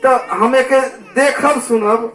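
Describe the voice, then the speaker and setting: A man's voice: extremely high pitch, steady tone, slow, exaggerated voice. Man playing a pompous village baba. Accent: Bhojpuri. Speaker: baba in a folk comedy skit. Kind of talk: Bhojpuri folk comedy theatre. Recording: echoey stage recording with loud music.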